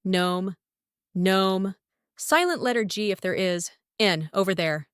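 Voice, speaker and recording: A woman's voice: mid-range voice, big pitch swings, moderate pace, a bit bright, clear, resonant tone, no room sound. A woman with a Lithuanian accent teaching English pronunciation, saying each example word several times. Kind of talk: pronunciation lesson, repeating example words.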